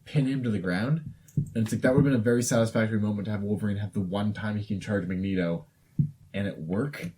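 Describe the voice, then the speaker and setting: A man hosting a podcast, tipsy from drinking, whose sentences trail off low as he chats and reads facts aloud. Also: fairly even intonation, fast, mellow. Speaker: podcast host. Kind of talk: casual drunken banter.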